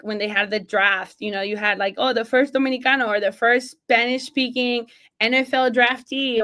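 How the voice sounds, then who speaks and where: A woman from Mexico who works as an associate athletic director and is a single mom speaks as a guest on a podcast in casual interview talk. Her fairly high, fairly bright voice sounds earnest and emphatic, and she often checks in with "right?".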